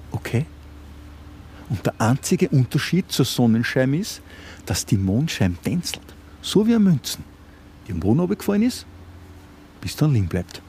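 This time the actor's male voice sits on the high side with a darkish tone, and a little hiss or hum is audible. He is performing a contemporary radio play role: a domineering, condescending conspiracy believer turned kidnapper, speaking casually in an Austrian accent.

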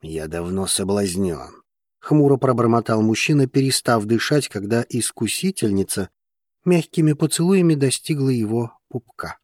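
A man narrating an audiobook in a measured, even reading manner. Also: mid-range voice, dry recording, studio quality.

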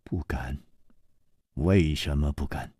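A man voicing a calm, worldly male swordsman hero who speaks slowly and sighs wryly. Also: husky, no echo, clean studio sound, heavily acted. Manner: slow low-voiced sighing speech.

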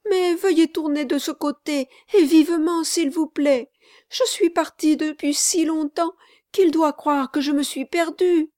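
Breathless young servant girl, put on by a woman narrator, high-pitched and pleading. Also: fairly even intonation, measured pace, a little mellow, no room sound, clean studio sound. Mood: urgent pleading.

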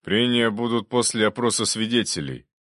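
A man's voice: on the low side, moderate pace, fairly bright tone, no room sound, clean studio sound, pitched above the performer's own voice, lightly acted. A man voicing a curt, stern judge. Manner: curt, commanding. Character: stern, impatient male judge. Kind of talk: audiobook reading.

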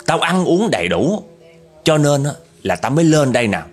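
A man's voice: a little high, very animated, moderate pace, a little mellow, husky. A man voicing a boastful old male house ghost, talking in a taunting, gloating way.

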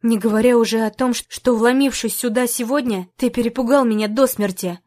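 Woman narrator playing enraged young woman, loud accusations, somewhat high voice. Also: steady tone, a little fast, lightly acted. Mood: furious. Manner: shouting angry accusations. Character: furious young woman confronting her ex.

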